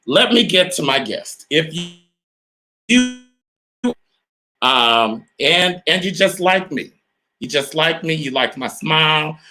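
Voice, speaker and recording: A man's voice: on the high side, pushed and bright. A man hosting a casual live-stream interview, hyped and repetitive, calling out to viewers as y'all. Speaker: host.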